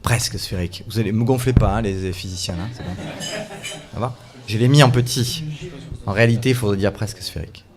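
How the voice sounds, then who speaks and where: A man's voice: on the low side, brisk. Guy from france doing a chatty joking science talk in a bar, asks the crowd stuff. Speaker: speaker at a science pub talk. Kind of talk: casual live talk with the audience. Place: bar with an audience.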